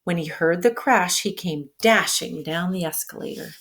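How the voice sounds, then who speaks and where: Teacher reading a picture book aloud to children, expressive, engages the listener with questions. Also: female voice, fairly low pitch, normal speed, a little hiss or hum.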